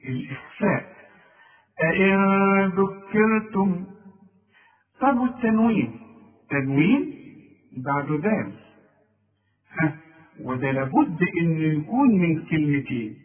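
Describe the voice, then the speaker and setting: A man with an Egyptian Arabic accent teaching a tajweed lesson, patiently quizzing the listener with questions he answers himself and slowly drawing out recited examples with a nasal hum. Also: on the high side, sing-song, distant mic. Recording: tinny phone-like sound.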